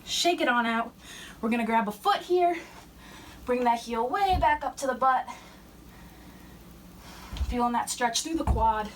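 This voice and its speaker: Young woman fitness coach talking thru a warmup while moving, kinda breathless, higher voice, mic a bit far off w/ faint room noise. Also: expressive, measured pace, long pauses. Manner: cueing moves while exercising. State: slightly out of breath. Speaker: fitness instructor. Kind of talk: workout instruction. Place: fitness center.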